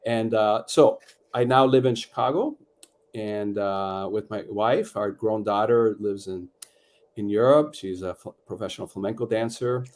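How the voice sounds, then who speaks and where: A middle-aged man from Peru, a guest author talking in a measured, reflective way with many fillers over a video call. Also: lowish voice, a little mellow. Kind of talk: conversational interview.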